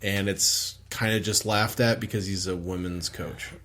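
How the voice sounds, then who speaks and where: A man co-hosting a casual sports podcast, talking haltingly with blunt opinions. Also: sits low, steady tone, fairly bright tone. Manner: hesitant, stumbling restarts, blunt opinions. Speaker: podcast co-host.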